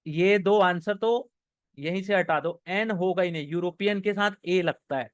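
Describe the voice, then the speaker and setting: Slow, high-voiced teacher. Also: male voice, dry recording. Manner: encouraging, explains step by step, reads sentences slowly. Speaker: online English teacher. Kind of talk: live exam-prep class.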